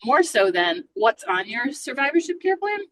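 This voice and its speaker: A woman's voice: on the high side, sing-song, normal speed, fairly bright tone, no echo, low-quality recording. A woman calling in on a car speakerphone while she drives, speaking in a casual, hesitant way with frequent ums and restarts. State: driving while talking. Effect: car speakerphone call. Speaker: caller from an advocacy organization. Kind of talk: casual chat. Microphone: phone speakerphone in a car.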